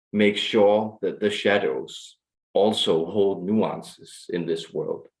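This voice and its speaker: A man voicing a solemn, ominous alien star guardian who speaks as a collective in slow, measured, grandiose proclamations. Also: deep voice, poor audio. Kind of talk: channeled message, formal proclamation.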